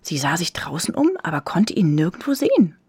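Breathy lady reading a kids story, lively melody, dry sound. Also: deep voice, fairly quick, no echo. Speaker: narrator.

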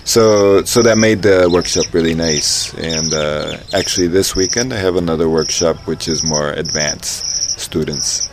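Interviewee: very low-voiced man from Ecuador, thoughtful, lots of "uh", loud crickets around. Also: measured pace, few pauses. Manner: thoughtful, many fillers and restarts. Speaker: interviewee, engineer and dance teacher. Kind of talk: casual interview. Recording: outdoor noise with loud crickets. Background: loud crickets and insects.

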